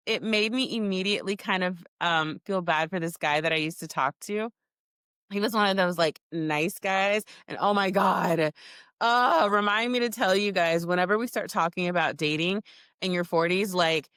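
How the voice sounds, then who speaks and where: Laughing often and swearing freely, the podcast host, a woman in her forties, spins stories in a loose, chatty solo segment. The studio sound is clean and dry, and her medium-pitched voice has a slight brightness.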